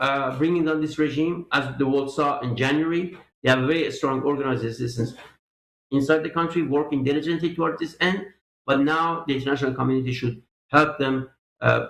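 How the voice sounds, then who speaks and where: A man's voice: mid-range voice, a bit bright. Emphatic male interview guest, roomy sound. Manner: emphatic, repeats key points. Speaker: political guest. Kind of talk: interview answers.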